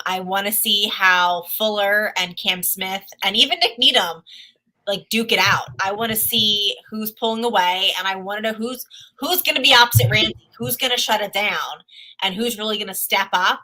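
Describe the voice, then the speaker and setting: Woman chatting football on a livestream, really bright tone, eager and emphatic, video call sound. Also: medium pitch, normal speed, poor audio. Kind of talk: casual fan livestream chat.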